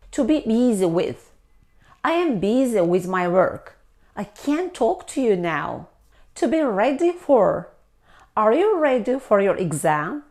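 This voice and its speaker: Slow, lively-pitched woman teaching English. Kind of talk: slow scripted lesson reading example sentences.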